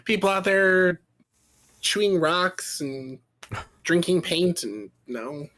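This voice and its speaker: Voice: medium pitch, animated, slow pace, fairly bright tone. A podcast co-host trading wry jokes in casual chat. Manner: jokey, wry quips.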